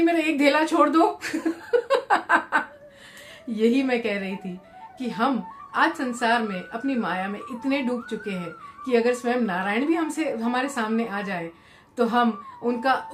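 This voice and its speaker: An Indian woman narrates a devotional moral tale, her voice sitting a touch high. She shifts between plain narration and the quoted lines of the people in her story. A faint hum of room ambience sits underneath. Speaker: spiritual storyteller.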